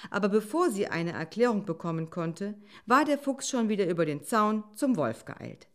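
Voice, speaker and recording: A woman calmly reading a children's animal story aloud as narrator. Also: mid-range voice, normal speed.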